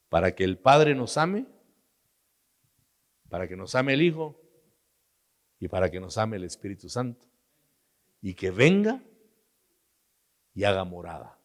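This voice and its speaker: Male pastor with a Guatemalan accent; sermon delivery, soft asides broken by loud, high bursts; echoing hall. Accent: Guatemalan Spanish. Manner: preaching with sudden loud, high outbursts and hushed asides.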